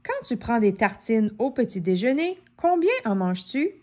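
Woman, storybook read-aloud, animated pitch, fairly high, expressive, talks to the child. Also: moderate pace. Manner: expressive, addresses the child listener directly.

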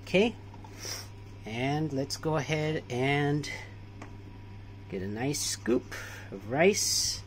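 Slow-talking man in a home kitchen. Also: a little high, a little hiss or hum. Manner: relaxed, hesitant, many fillers. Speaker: cooking vlogger. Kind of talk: casual cooking demonstration.

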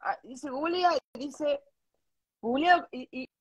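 A woman's voice: high-pitched, slow, no room sound. A woman with an Argentine Spanish accent co-hosting a casual live stream, reading out listener stories with crude, mocking asides.

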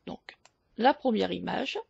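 A woman hosting a photo editing tutorial, explaining each step slowly with hesitant fillers. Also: medium pitch, animated, vocal fry, a little mellow, breathy edge, lo-fi sound. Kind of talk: screen-recorded software tutorial.

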